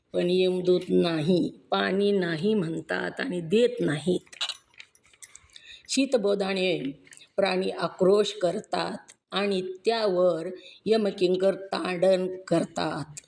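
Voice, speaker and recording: A woman's voice: medium pitch, a little mellow, a little hiss or hum. A woman with a Marathi accent giving a devotional scripture discourse, earnest and emphatic, posing rhetorical questions to her listeners. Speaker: religious discourse reader.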